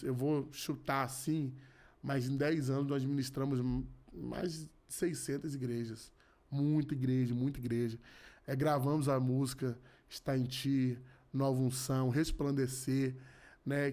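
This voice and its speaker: A man in his thirties from Rio de Janeiro, a gospel musician appearing on a podcast, recounts his personal testimony earnestly and casually. His voice is mid-range and a little mellow, and he frequently restarts and repeats phrases.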